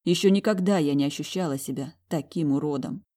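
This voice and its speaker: A woman narrating a first-person audiobook in an emotional, expressive reading. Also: low voice, a little fast.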